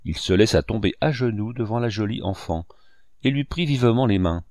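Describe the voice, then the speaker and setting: Man reading an old novel aloud, low steady voice, dead dry sound. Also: fairly quick, dry recording. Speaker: audiobook narrator. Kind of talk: scripted narration.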